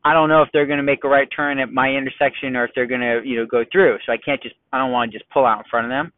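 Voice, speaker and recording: A man hosting a casual solo podcast from his car in traffic, chatty and quickly worked up, firing off rhetorical questions. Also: mid-range voice, steady tone, dry recording. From United States. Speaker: podcast host. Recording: tinny phone-like dry sound.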